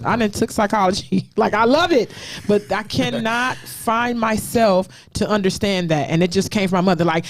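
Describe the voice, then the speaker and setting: A woman co-hosting a casual talk show, speaking earnestly and bluntly in halting, restarting phrases. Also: mid-range voice. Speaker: co-host. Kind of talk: casual podcast chat.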